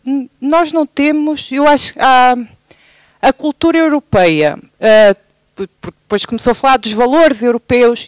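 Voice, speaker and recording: A woman's voice: high voice, dry recording. A Portuguese woman from the Algarve, speaking up from the audience with a hesitant, spontaneous delivery full of restarts. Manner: hesitant, many restarts and fillers. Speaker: audience member. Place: theatre hall.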